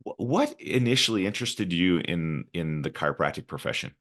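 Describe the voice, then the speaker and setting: A man from Alberta, Canada, hosts a relaxed interview podcast. His voice sits very low, and he talks in an upbeat, rambling way, often repeating words. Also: fairly quick. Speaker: podcast host. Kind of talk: casual interview chat.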